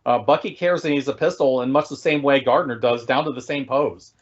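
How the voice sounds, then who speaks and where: A man co-hosting a podcast, speaking in a measured, reflective way with frequent pauses to think. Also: mid-range voice, lo-fi sound. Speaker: podcast co-host. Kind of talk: casual podcast discussion.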